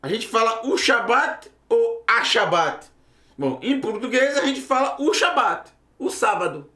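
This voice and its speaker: High-pitched guy teaching hebrew, emphatic, asks the class questions, echoey room. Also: big pitch swings, measured pace, pushed and bright. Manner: emphatic, rhetorical questions, bursts into raised exclamations. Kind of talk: teaching a Bible-language lesson.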